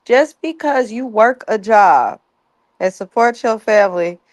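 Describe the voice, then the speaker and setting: A woman's voice: a little high, expressive, a little slow, no room sound. A woman co-hosting a TV recap, talking bluntly and profanely in a casual, ranting way. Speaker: co-host of a TV recap show. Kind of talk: casual review chat.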